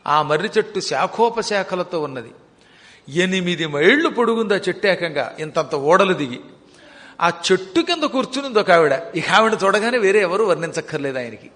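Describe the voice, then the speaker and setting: Male devotional storyteller, high-pitched, dramatic with humorous asides, recorded in a reverberant hall. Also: fairly bright tone. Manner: dramatic, slows down for vivid descriptions, joking asides. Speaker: religious storyteller.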